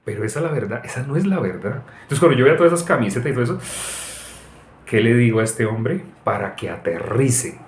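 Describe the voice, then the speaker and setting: Middle-aged male preacher, animated storyteller, mid-range voice, roomy echo. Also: mid-range voice, quick pace, a little hiss or hum. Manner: animated, tells anecdotes, mocks voices, frequent laughs. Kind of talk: informal sermon with personal stories. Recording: echoey room.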